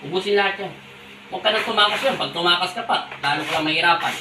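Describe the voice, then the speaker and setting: A man's voice: high-pitched, very fast, noisy background. A man working as a folk healer who scolds and interrogates during a healing ritual, barking repeated commands. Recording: echoey room from far off.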